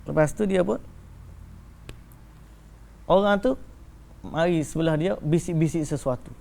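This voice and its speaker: A man preaching to a gathered audience, his voice pitched high with a gravelly edge. He tells stories with energy and voices the characters' lines himself. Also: unhurried. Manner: lively storyteller who acts out dialogue in shifting voices. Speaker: religious teacher. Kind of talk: religious lecture with storytelling. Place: lecture before a live audience.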